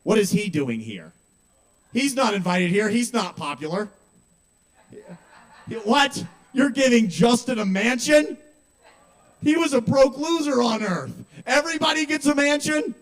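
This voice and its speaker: A man voicing an entitled woman realtor, complaining shrilly and loudly in mock outrage during a stand-up set. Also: sits high, big pitch swings, normal speed, voice pushed up. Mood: indignant.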